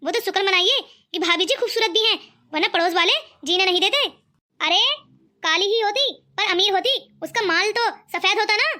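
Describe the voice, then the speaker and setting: This is a good-natured young man in a cartoon who argues kindly with his mother, with a woman doing the voice. The voice sits very high and sounds bright. He talks in an earnest, pleading way. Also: normal speed. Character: kind cheerful young man, brother-in-law. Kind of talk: cartoon voice acting.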